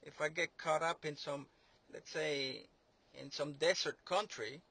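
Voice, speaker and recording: A man's voice: fairly high pitch, steady tone, measured pace, pushed and bright, breathy edge. A man delivering a sarcastic political monologue, rambling and mocking, with many fillers and restarts. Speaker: commentator.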